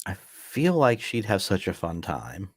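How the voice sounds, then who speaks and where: A podcast co-host with a low, husky voice rambles through a casual movie commentary chat, speaking a little slowly and restarting his sentences often in a relaxed way. The recording is dry.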